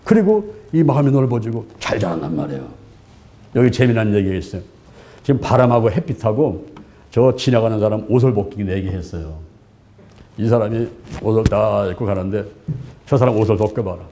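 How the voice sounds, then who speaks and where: A middle-aged male pastor preaching a sermon in a colloquial, animated way, acting out little scenes in voices. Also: on the low side, brisk. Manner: colloquial, asks the congregation "예?" often.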